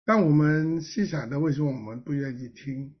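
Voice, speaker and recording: A man preaching a sermon as pastor, earnest, with emphatic rises and soft drops. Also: a little high, moderate pace, husky, highs cut off.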